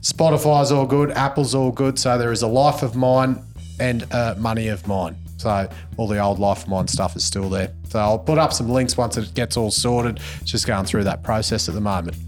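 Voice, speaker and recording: A man's voice: mid-range voice, fairly even intonation, moderate pace, soft background music. A man with an Australian accent hosting a podcast, chatting casually through news in a blokey, slangy way. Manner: laid-back, blokey, slangy. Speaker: podcast host. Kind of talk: casual chat and news recap.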